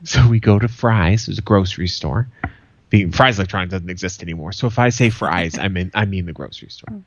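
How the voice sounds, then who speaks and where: A man's voice: deep voice, brisk, no room sound, dull audio. A man co-hosting a podcast, telling a story in a loose, profane way with frequent laughs. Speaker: podcast co-host. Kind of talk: casual chat, storytelling.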